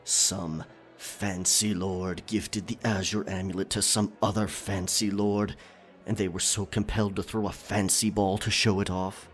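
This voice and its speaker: A man's voice: low-pitched, level tone, soft background music. A man playing a roguish, flirtatious, cocky pirate captain in a theatrical, teasing audio roleplay. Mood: smug, coaxing. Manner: teasing, theatrical, drawn-out delivery with chuckles. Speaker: voice actor. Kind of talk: romantic roleplay ASMR acting.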